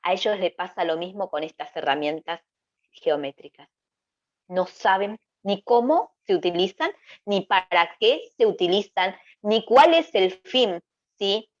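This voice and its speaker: A woman's voice: medium pitch, animated, a little slow. Woman lecturing in a webinar. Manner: asks and answers her own questions, checks in with "¿sí?". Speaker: webinar presenter. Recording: dull lo-fi webinar audio.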